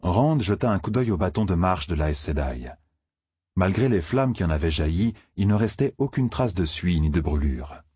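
A man reading a fantasy novel aloud in steady scripted narration. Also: low-pitched, moderate pace, slightly rough, no room sound, clean studio sound. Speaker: audiobook narrator.

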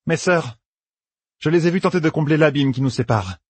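A man voicing a calm, defiant young woman captive in an audiobook, cool and cutting. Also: on the high side, a little fast, husky, dry recording, pitched above the performer's own voice.

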